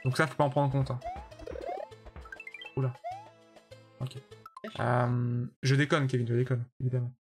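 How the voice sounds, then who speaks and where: A man's voice: medium pitch, level tone, moderate pace, long pauses, faint music behind. A man live-streaming a game, chatting casually with his viewers and judging their levels bluntly. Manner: chatty, judges viewer levels bluntly, answers chat by name. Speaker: streamer playing a level-making platform game.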